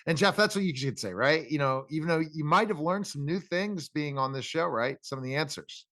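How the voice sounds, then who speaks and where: A man's voice: a little high, expressive, brisk, sharp tone, no echo, clean studio sound. A man hosting a casual talk interview, talkative, with rambling questions and remarks about himself.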